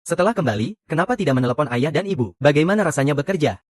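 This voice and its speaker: A man's voice: a little high, expressive, very fast, dry recording, clean studio sound. An actor playing a doting, wealthy middle-aged father in a dubbed romance drama, indulgent and protective. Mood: caring, protective.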